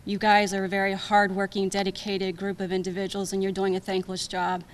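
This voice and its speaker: A woman's voice: medium pitch, completely flat delivery, fairly quick. A woman, a retiring police captain, giving a heartfelt, grateful farewell speech at her reception. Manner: heartfelt, grateful, gets emotional. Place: municipal reception room.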